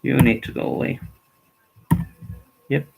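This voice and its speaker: A man's voice: a little slow, heavy background noise. A man from Denmark, giving casual, rambling live reaction commentary on a hockey game and grumbling about his team's play. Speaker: streamer.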